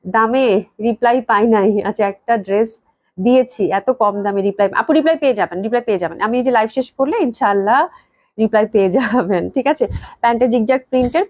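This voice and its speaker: A woman hosting a live-stream sales pitch for clothing, chatty and gushing, addressing her viewers over and over. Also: a little mellow, no room sound. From Bangladesh. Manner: chatty, repetitive gushing praise, talks to viewers. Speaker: clothing shop seller. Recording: dull lo-fi live-stream audio.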